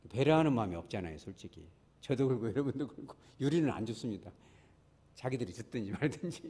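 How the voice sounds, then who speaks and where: A male pastor preaches to his congregation and tells a story, acting out the voices of the people in it. His pitch rises and falls widely, and he keeps turning to the listeners with questions. The long echo of a church hall trails after each phrase. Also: husky. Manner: storytelling with lively quoted dialogue, asks the congregation questions. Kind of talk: sermon. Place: church sanctuary.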